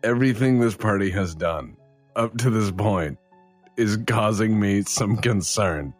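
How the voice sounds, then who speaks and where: A man's voice: fairly low pitch, unhurried, soft background music. A man playing a tabletop game, with dry, wry comments on the group. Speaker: player. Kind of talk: casual tabletop play.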